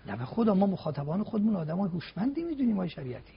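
High raspy guy preaching on tv, emphatic, lots of rhetorical questions, dull lo-fi sound. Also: big pitch swings, crowd noise. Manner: emphatic, builds points step by step with rhetorical questions. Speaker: religious guest speaker. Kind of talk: preaching talk on a TV program.

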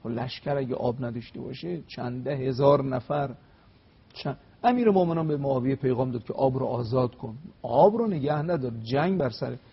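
A man, a religious scholar on a talk show, telling religious history in an emphatic, storytelling way, slowing to recite Arabic phrases. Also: medium pitch, slightly rough, lo-fi sound. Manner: emphatic, rising to stressed peaks, slows to recite Arabic.

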